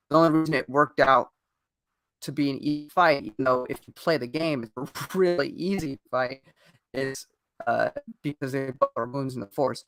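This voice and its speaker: A man's voice: on the high side, fairly bright tone, no room sound, poor audio. A man in casual chat as host of a fan discussion show, talking at length with frequent restarts and digressions.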